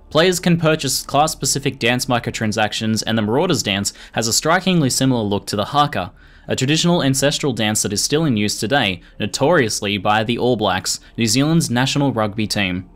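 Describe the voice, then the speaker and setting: A man reading scripted video narration in a measured, informative manner. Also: mid-range voice, lively intonation, fairly bright tone. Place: voice-over recording. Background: music.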